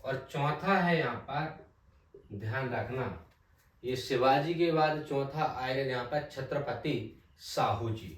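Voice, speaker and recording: A male teacher giving an exam-prep history lesson, repeating key names and asking the class quick check questions. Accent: Hindi. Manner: repeats key names, tag "ध्यान रखना" often drops low and soft. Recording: echoey room, mic at a distance.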